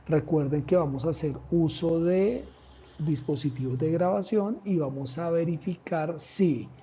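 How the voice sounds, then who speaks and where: A man presenting a lesson plan in a measured, explanatory way, with pauses and fillers. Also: a little high, dark tone, slight background noise. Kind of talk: slide presentation. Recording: dull lo-fi recording.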